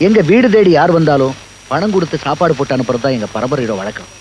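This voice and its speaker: An actor playing a stern but generous village headman who speaks in a commanding, measured way. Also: fairly high pitch, sing-song, a little mellow, muffled recording, slight background noise. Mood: solemn. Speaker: film actor.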